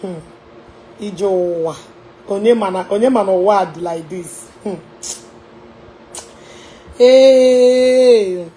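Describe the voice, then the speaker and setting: A Nigerian woman with an Igbo-tinged accent chatting on a casual livestream from a hotel room, animated and laughing, mixing English and Igbo. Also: on the low side, measured pace, slight background noise. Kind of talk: casual live-stream chat.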